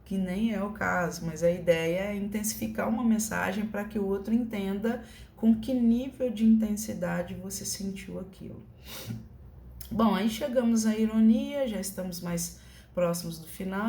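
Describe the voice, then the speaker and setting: A woman's voice: medium pitch, warm tone, reverberant, slight background noise. A woman with a Brazilian accent, giving a casual online lecture from a room at home and often checking in with her listeners. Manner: conversational, many tag questions. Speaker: teacher.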